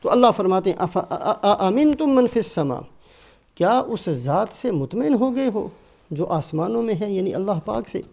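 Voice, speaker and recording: A man's voice: high-pitched, expressive, vocal fry, darkish tone. An older man giving a sermon with Quran commentary, emphatic and rising and falling, breaking into Arabic recitation.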